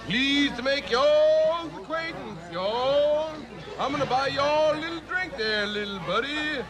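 A man's voice: very high voice, lively intonation, unhurried, a crowd in the background. A man playing a boastful, pompous young Texan cowboy hustler who drawls and tags every phrase with y'all in a sketch comedy. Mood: drawling, friendly. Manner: drawls, ends every phrase with y'all, then turns haughty and fussy. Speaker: comic actor.

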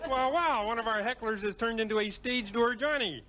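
A man's voice: extremely high pitch, brisk, bright, forceful tone. An actor voicing an exasperated, wry, put-upon male frog puppet who manages the stage in a comedy show. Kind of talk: puppet comedy character acting. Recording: very noisy TV soundtrack with audience.

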